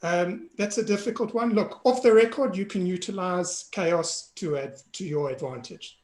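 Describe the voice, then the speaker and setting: A hoarse man, a panelist frankly and casually explaining citizenship rules over a video call. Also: high voice, moderate pace, a little mellow, roomy sound.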